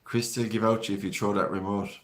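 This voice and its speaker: A man's voice: lowish voice, little pitch movement, quick pace. A man from Galway with a west of Ireland accent hosting a live stream, chatting casually and reading out viewer comments in a rambling, conversational way.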